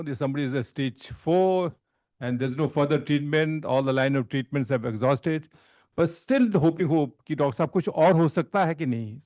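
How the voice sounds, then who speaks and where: A man with an Indian accent making a formal welcome speech at a conference, halting and repeating phrases. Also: mid-range voice, darkish tone. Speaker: hospital executive giving remarks at a medical conference.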